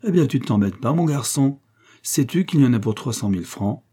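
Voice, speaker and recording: A man's voice: mid-range voice, animated, brisk, warm tone, husky, voice pushed up. A man voicing a hearty, good-natured middle-aged banker who was once a sailor. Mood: jovial.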